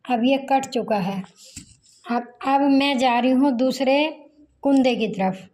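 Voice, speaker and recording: A woman teaching tailoring in a slow, repetitive sewing tutorial, counting measurements aloud as she cuts fabric. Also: high voice, darkish tone, low-quality recording.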